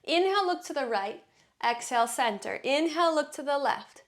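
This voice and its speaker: Breathy, encouraging female workout instructor. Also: sits high, expressive, normal speed. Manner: encouraging, counts reps and cues breathing. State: slightly out of breath from exercising. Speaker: fitness instructor.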